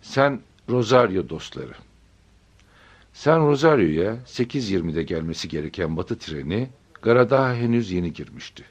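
A man narrating a story in a steady, measured reading voice. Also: on the low side, husky. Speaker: audiobook narrator.

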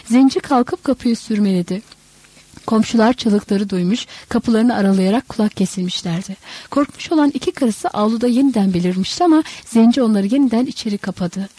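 A woman narrating a novel as an audiobook, in measured, expressive storytelling. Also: mid-range voice, slightly rough, no room sound.

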